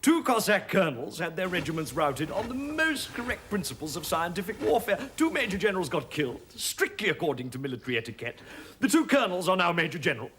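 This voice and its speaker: A man's voice: high-pitched, sing-song, quick pace, a bit bright, a little hiss or hum. A man playing a proud, bitter cavalry officer. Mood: sardonic. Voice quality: grand, theatrical delivery. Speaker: cavalry major. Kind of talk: stage play acting.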